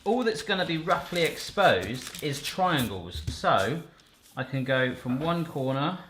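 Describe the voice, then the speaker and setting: A man's voice: fairly high pitch, sing-song, a little slow, fairly bright tone. Chatty man, echoey kitchen. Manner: chatty, jokey, explains each step. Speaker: cooking channel host. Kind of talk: casual cooking vlog chat. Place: home kitchen. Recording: echoey room with faint noise.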